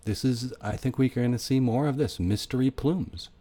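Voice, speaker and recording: A man's voice: medium pitch, normal speed, warm tone. A man hosting a podcast interview, asking questions in a casual, conversational way. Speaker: podcast host.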